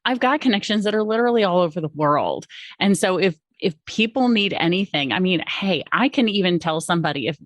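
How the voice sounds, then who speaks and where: Woman, casual interviewer, informal and talkative, stuffed-up lower voice, very dry sound. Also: expressive, brisk, no room sound. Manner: informal, chatty. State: congested from a head cold. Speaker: podcast host.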